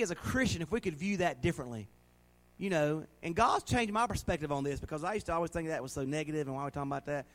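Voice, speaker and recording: A middle-aged man preaching a sermon in a folksy, conversational way, asking the congregation questions. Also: fairly high pitch. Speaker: pastor.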